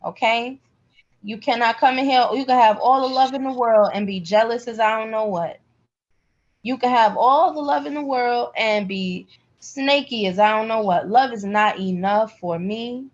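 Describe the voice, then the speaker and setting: Over slightly dull, lo-fi call audio, a woman with a fairly high voice and moderate pace instructs a live class in spiritual healing. As a pendulum energy healer, she speaks in a colloquial, direct and emphatic manner.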